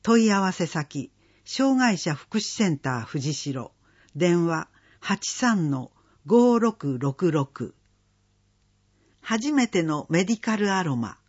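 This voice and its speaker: Community listings reader: slow and deliberate, husky tone, muffled lo-fi recording. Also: mid-range voice, big pitch swings. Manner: slow, measured listing of dates and phone numbers. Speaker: announcement reader. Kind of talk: reading community event listings. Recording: dull lo-fi recording.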